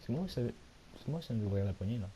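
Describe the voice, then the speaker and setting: A hoarse young man, a little sick, giving rambling, self-mocking commentary while he plays a video game at home. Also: on the low side, expressive, fast, mellow, slight background noise. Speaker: gaming YouTuber. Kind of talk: casual let's-play commentary.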